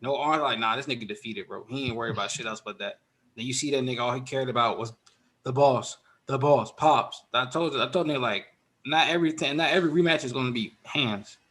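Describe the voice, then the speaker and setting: A man's voice: medium pitch, fairly quick, a bit bright. A man co-hosting a casual chat, blunt and slangy, swearing freely. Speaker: podcast co-host.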